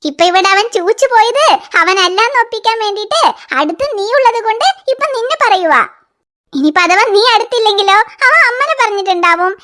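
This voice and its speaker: A woman's voice: very high voice, lively intonation, fairly quick, bright, forceful tone, exaggerated voice. A woman voicing a patient, teasing young mother in a cartoon, soothing and coaxing. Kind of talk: cartoon voice acting.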